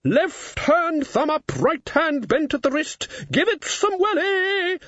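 Guy doing a bossy valkyrie lady, jolly and commanding, way up high, dull dry recording. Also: animated, slow, fairly bright tone, no room sound, full character voice. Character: bossy hearty female Valkyrie warrior.

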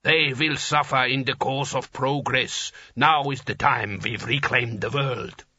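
A colossal, slow-witted ice giant, voiced by a man, rumbling in plodding broken grammar. The tone stays bright and a little husky. It sounds dull and dry, like a close studio read. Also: steady tone, no echo, full character voice. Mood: blunt, rumbling.

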